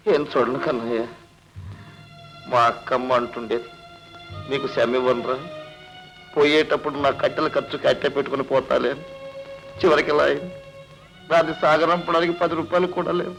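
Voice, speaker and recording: A gravelly, tearful village uncle in mourning, lamenting in a slightly raised voice. The scene comes from an old film drama with a score playing underneath. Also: male voice, a little high, fairly even intonation, a little fast, pauses often, fairly bright tone, faint music behind, rough recording. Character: poor grieving village uncle, middle-aged man. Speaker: grieving uncle.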